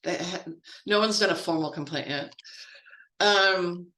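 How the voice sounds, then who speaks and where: A woman trainer walks through a process in a relaxed, talky way, full of asides and fillers. Her voice is bright and forceful, and the sound is roomy and echoey. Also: on the low side, a little slow. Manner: chatty and informal, with frequent fillers and asides. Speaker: grants trainer. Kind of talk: casual software training walkthrough.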